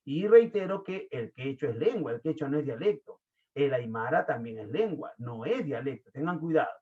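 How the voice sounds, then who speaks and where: A man from Peru with a Lima accent, teaching an online class in a chatty way, quizzing students and filling pauses. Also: mid-range voice, lively intonation. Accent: Lima Peruvian Spanish. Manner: chatty, asks the class questions, many fillers. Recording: tinny phone-like audio.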